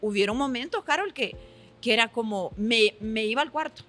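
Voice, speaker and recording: A woman's voice: fairly high pitch, moderate pace, faint music behind. A woman with a Honduran accent, talking candidly as a podcast guest and acting out the voices of the people in her stories. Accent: Honduran Spanish. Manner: animated storyteller who acts out quoted voices. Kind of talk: candid conversational chat.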